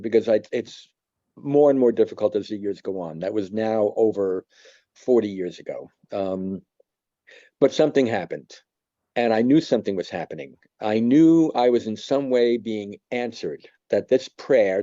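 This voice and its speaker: A man in his seventies from New York, telling a personal faith testimony in a reflective, halting way with many pauses. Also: on the low side, warm tone, dry recording, dull audio. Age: 70s. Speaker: church member giving testimony.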